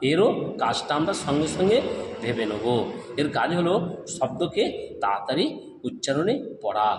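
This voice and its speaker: A man with a mid-range voice leads a step-by-step Quran letter-reading lesson, answering his own questions and drawing syllables out in sung fashion. It's recorded in an echoey room with long reverb and background noise.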